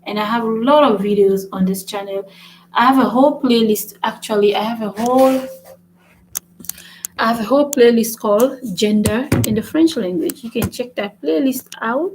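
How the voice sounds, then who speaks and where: A chatty woman teaches French in a relaxed video lesson, her voice sitting a bit high for a woman. She loops back over points and keeps asking "right?", and a faint hum runs under the recording. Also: moderate pace, rough recording. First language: English. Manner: chatty, repeats "right?" often, writes on a board.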